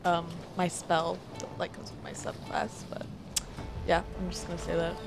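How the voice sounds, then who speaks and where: A woman's voice: on the low side, little pitch movement, moderate pace, gravelly, faint music behind. A woman playing a tabletop game, rambling and chatty with fillers. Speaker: player.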